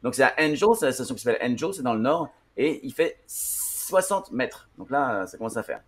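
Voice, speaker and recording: A man's voice: medium pitch, animated, brisk. A French-speaking man explaining English pronunciation in a casual studio chat, hesitant with many restarts. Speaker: English language guest explaining accents. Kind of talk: casual radio-style explanation.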